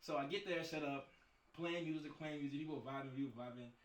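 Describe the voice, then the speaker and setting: Man, podcast guest dj, casual storyteller, quick delivery, rather high voice, echoey room, sits back from the mic. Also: distant mic. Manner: animated, profane, rambling.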